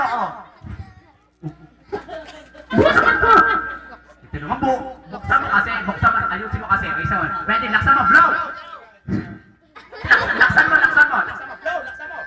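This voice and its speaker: A man's voice: extremely high pitch, animated, fairly quick. A man working as a clown at a children's birthday party, teasing and joking with a child and laughing often. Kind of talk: hosting a children's party game. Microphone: handheld mic, recorded by a distant camera. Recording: roomy sound from far off.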